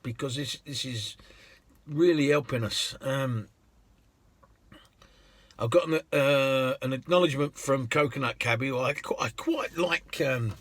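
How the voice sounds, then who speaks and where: A chatty cab driver spins anecdotes, with a husky, bright voice pitched slightly high. He laughs often and hesitates with plenty of ums. The sound is dry and close. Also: measured pace, pauses often, dry recording. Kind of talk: anecdotal storytelling.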